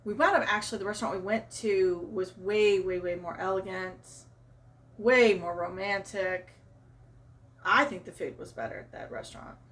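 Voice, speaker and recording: A woman's voice: medium pitch, moderate pace, fairly bright tone, a little hiss or hum. A woman from Arkansas with a Southern accent, chattily retelling a personal story for her channel. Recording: voice a bit far from mic.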